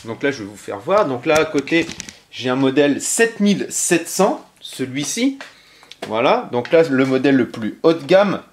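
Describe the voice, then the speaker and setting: A man giving a casual show-and-tell presentation of a game console he collected. He talks hesitantly, with many fillers, pauses and self-corrections. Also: mid-range voice, very animated, a little hiss or hum.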